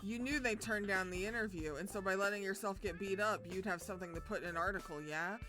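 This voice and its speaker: A woman reading the lines of a calm, sharp-eyed man who sees through a scheme. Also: medium pitch, quick pace, music in the background, lightly acted. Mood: knowing.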